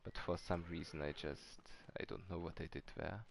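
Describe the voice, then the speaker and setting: A man's voice: low-pitched, steady tone, moderate pace, creaky, a little hiss or hum. A man casually commenting while speedrunning a game, chatting with viewers and shrugging off his own mistakes. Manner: chatty, answers chat, self-deprecating about mistakes. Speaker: speedrunner streamer.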